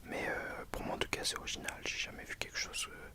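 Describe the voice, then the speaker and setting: A person giving an ASMR book review in a soft, breathy library whisper, hesitant and often self-correcting. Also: fast. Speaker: book reviewer addressing viewers.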